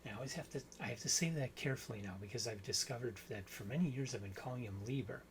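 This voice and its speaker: A man's voice: medium pitch, very fast, a little hiss or hum, rough recording. A man hosting a book channel, talking through a story in a casual, rambling way and correcting himself as he goes. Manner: rambling, self-correcting, thinks aloud.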